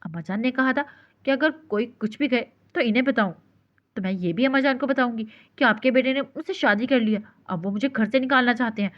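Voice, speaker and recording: A woman's voice: fairly high pitch, brisk, natural voice. A woman voicing a naive, tearful young bride who talks in a childlike, pleading and stubborn way. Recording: dull lo-fi recording.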